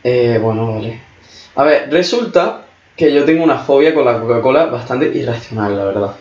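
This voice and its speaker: A young man in casual chat, relaxed and joking, swearing often. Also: medium pitch, moderate pace. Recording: echoey room, dull lo-fi sound.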